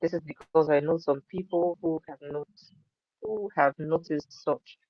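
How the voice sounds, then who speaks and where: A man's voice: fairly high pitch, level tone, unhurried, no room sound, dull audio. A man moderating an online session, reading out trainees' questions politely.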